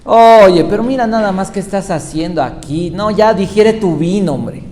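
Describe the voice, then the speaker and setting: A preacher voicing a scolding, judgmental priest. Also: male voice, high voice, moderate pace, darkish tone, long reverb tail, lightly acted. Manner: reproachful, scolding.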